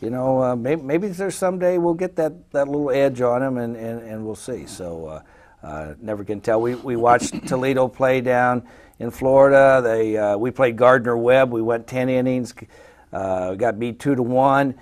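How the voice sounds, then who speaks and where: A man who coaches college softball, answering interview questions in a folksy way. He often trails off into quiet fillers. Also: medium pitch, normal speed.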